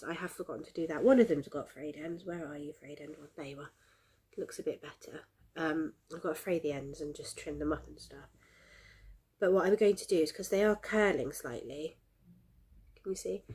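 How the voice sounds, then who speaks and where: Her voice sits low with a darkish, breathy edge, moving at a moderate pace. She's a crafting vlogger talking casually to camera, cheerful and rambling despite a head cold that leaves her slightly stuffy and coughing.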